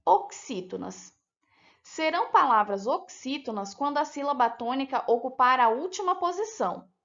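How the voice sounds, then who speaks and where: A woman teacher with a Brazilian Portuguese accent, talking children through a lesson with slow, clear, deliberate pronunciation. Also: high voice, animated, a bit bright. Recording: dull lo-fi sound.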